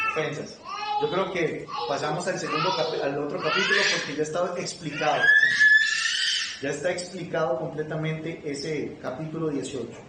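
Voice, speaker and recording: Man teaching a Bible study, echoey. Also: fairly high pitch. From Costa Rica. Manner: asks the group questions and reads scripture aloud. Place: church meeting room. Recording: echoey room, far from the mic, noisy.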